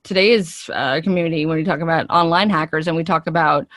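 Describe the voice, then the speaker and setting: This woman has a deep, steady voice with a fairly bright tone, and she talks fast. An actress and voiceover artist, she's an interview guest explaining things with chatty enthusiasm. The sound is dry and clean, studio quality.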